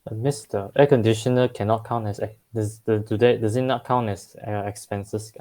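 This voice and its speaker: A man's voice: lowish voice, fairly even intonation, moderate pace, warm tone. A male student talking casually in class, hesitant and repeating his words.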